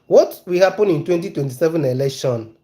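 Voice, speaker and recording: A man's voice: on the high side, lively intonation, a little fast, mellow. A man with a Nigerian accent talks casually to his live-stream audience. He presses his points hard and repeats key phrases again and again. He breaks off now and then to greet viewers and answer their questions in the chat. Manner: emphatic and repetitive, hammers key phrases. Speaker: news commentary live streamer.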